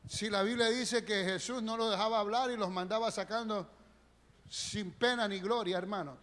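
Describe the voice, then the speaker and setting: A man's voice: sits high, steady tone, normal speed, a bit bright. A male pastor preaching a sermon in a church, emphatic and full of rhetorical questions. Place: church sanctuary. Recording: long church reverb on a live stream.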